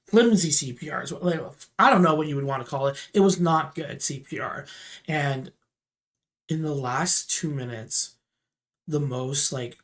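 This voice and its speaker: A store manager telling a storytime vlog, swinging between loud emphatic bursts and low murmurs, rambling with restarts.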